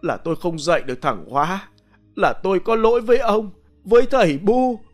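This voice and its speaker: A man's voice: a little high, lively intonation, measured pace, fairly bright tone, soft background music. A man voicing a grieving old village widow who pleads through sobs. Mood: wailing.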